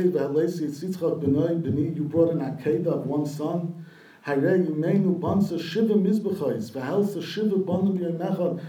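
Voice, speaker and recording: A man's voice: a little high, warm tone, echoey room, recorded from a distance, poor audio. A man giving a sermon, retelling a midrash and translating Hebrew quotes as he goes. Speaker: rabbi giving a talk.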